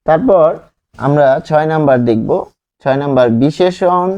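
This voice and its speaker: A man's voice: fairly high pitch, warm tone. Man teaching grammar, dull lo-fi sound. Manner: slow, repetitive, repeats example words and asks the class questions. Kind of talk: exam-prep grammar lesson.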